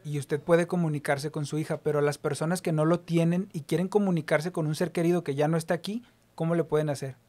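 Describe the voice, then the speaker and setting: A man's voice: fairly high pitch, fairly even intonation, fast, dark tone. Polite Mexican male interviewer. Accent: Mexican Spanish. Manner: brief, polite questions and acknowledgements. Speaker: interview host. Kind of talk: interview questions.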